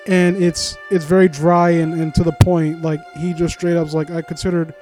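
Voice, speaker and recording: Here a story critique host reads a story and comments bluntly and casually, often tripping over words, rephrasing, and throwing in some swearing. His fairly high, darkish voice moves little in pitch and runs at normal speed. He's on a new handheld mic held at shifting distances, so he drifts soft, with music in the background.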